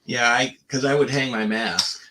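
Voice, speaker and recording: A man's voice: medium pitch, moderate pace, background noise. A man hosting a casual livestream talk show, joking and bantering energetically with his co-host and guests over a video call.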